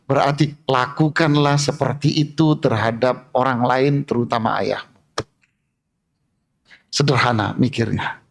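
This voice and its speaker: A man giving a casual sermon, firing rhetorical questions at the audience and swinging between low asides and sharp exclamations. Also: unhurried, creaky. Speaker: Islamic preacher. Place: mosque.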